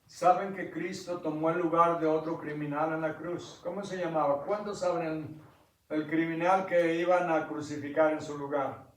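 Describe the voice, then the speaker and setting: A pastor delivers an impassioned sermon, asking his congregation questions and building to loud climaxes. His voice sits a little high for a man. The recording is roomy and echoey, picked up from well away from the microphone in a church. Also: fairly even intonation, moderate pace. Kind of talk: sermon with Bible reading. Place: church sanctuary. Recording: echoey church, mic at a distance.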